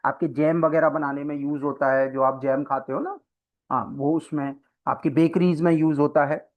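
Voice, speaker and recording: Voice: medium pitch, steady tone, moderate pace. A coaching teacher giving an exam-prep biology lecture in a classroom, explaining step by step and often checking in with the students. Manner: mixes English terms into Hindi explanation. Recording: slightly dull lo-fi lecture recording.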